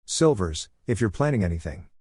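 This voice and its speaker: A suspicious, stern navy vice admiral barks short commands in a low, even voice, as a man reads him out in an audio story. The sound is close and dry, with no room around it. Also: brisk, husky, no room sound, full character voice.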